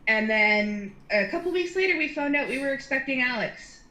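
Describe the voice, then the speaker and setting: A woman in her thirties chats casually as a guest, her voice bright and forward. She rambles, piling on fillers and restarts as she talks. The sound is echoey, as if in a bare room. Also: high voice, expressive, moderate pace. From Ontario, Canada. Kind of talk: casual chat.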